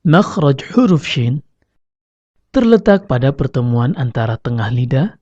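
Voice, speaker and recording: A man giving slow, deliberate scripted narration as a recitation teacher, demonstrating each sound himself. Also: mid-range voice, sing-song, dark tone, no echo. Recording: dry, slightly dull lo-fi recording.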